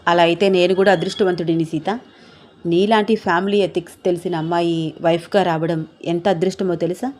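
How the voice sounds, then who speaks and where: A woman voicing a loving young husband who gently soothes his tearful wife, in a soft, coaxing tone. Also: on the low side, steady tone, a little fast, lightly acted. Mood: tender reassuring.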